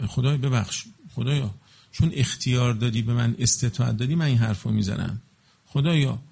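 A man preaching in a casual spoken style, explaining with everyday examples and checking in with listeners, slowing into chanted Arabic blessings. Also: medium pitch, vocal fry, darkish tone. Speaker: religious preacher. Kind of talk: colloquial religious talk to an audience.

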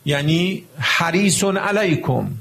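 Guy giving a sermon, kinda high voice, rough and raspy, keeps asking the crowd right?. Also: animated, fairly bright tone. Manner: emphatic, rhetorical questions to the audience. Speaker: preacher. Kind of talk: religious lecture.

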